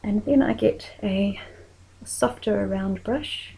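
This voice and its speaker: A woman with a New Zealand accent walks through her makeup step by step, speaking softly and slipping into whispers as she works. Her voice is mellow, with a gravelly, husky edge. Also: mid-range voice, slow pace, rough recording. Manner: soft-spoken, often trailing into whispers while working. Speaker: makeup tutorial creator. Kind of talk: casual makeup tutorial.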